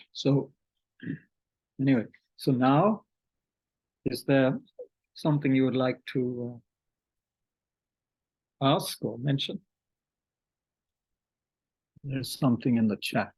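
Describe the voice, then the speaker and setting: A man teaching Buddhist meditation online, speaking haltingly with many fillers, restarts and throat-clearing, and reading out questions from the chat. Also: mid-range voice, darkish tone, poor audio.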